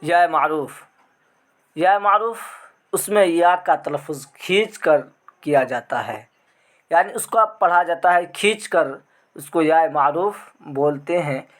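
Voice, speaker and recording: A man's voice: a little high, a bit bright. A man teaching an online grammar lesson, asking questions and answering them himself, drawing out the example words.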